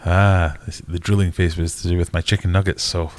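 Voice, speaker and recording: A man's voice: low-pitched, level tone, fairly quick, a little mellow. A middle-aged British man with a congested, nasal voice chatting casually on a livestream, rambling in a blunt, wry way. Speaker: livestream host answering viewer questions.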